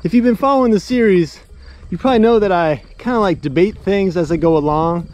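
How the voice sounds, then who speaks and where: A man in his thirties chatting casually to the camera while framing a barn outdoors, thinking out loud in a rambling, laid-back way. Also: high-pitched, brisk. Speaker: builder vlogger. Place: outdoors at a barn construction site. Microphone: action camera, sometimes head-mounted.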